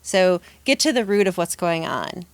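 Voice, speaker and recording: A woman's voice: on the low side, expressive, normal speed, dry recording. A woman who works as a dating coach, giving confident, emphatic advice in a casual podcast conversation.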